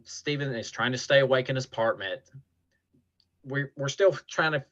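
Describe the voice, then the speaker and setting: A man hosting a casual podcast, retelling scenes in an animated way. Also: medium pitch, lo-fi sound. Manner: animated retelling with acted quotes. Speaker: podcast host.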